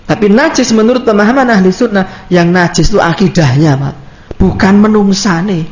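A man's voice: high voice, roomy sound, lo-fi sound. A man with a Javanese accent giving a religious study lecture in a conversational way, acting out little anecdotes. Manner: conversational, mixes in Javanese, animated acted-out anecdotes. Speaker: Islamic preacher.

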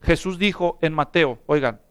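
Middle-aged male pastor, lively sermon full of rhetorical questions, clear resonant tone. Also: a little high, moderate pace. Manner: preaching with rhetorical questions to the congregation.

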